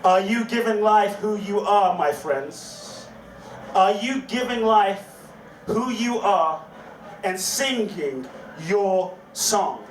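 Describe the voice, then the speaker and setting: A man giving an inspirational speech to a live audience, slow and dramatic, repeating his questions and leading call-and-response. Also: sits high, animated. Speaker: inspirational speaker. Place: event hall. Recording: echoey hall, distant mic, faint noise.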